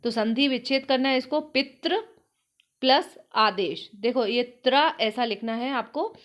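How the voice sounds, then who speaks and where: An online exam-prep teacher, a woman whose voice leans high, moves a little slowly through the questions, explaining step by step. She checks in frequently and keeps repeating "ठीक है".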